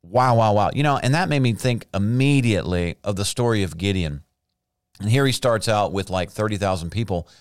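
A man's voice: on the low side, brisk, clear, resonant tone, no echo, clean studio sound. A man giving a casual devotional talk, speaking earnestly and conversationally as he reads out statistics.

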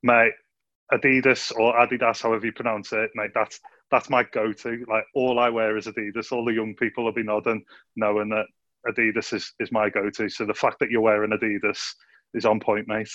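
A man's voice: fairly low pitch, flat delivery, brisk, a bit bright, no room sound. Male youth host, chatty and upbeat, dry lo-fi video call sound. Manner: chatty, upbeat, calls people mate. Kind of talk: casual video call interview. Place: living room.

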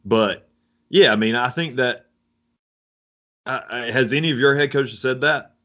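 A man's voice: medium pitch, measured pace, a bit bright. A young man co-hosting a podcast, rambling casually with lots of fillers. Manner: rambling, many "like"s, laughs easily. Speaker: podcast co-host, coach. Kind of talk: casual chat. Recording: dull lo-fi audio.

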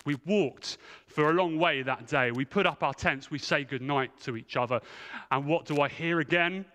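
Bright high-voiced guy preaching, jokey story about himself, big echoey hall. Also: normal speed. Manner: humorous, self-mocking anecdote. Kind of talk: storytelling sermon. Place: church stage. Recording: long reverb of a large hall.

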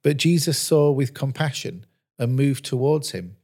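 Man, sermon narration, measured storytelling, earnest, mid pitch. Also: animated, a little mellow. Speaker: preacher.

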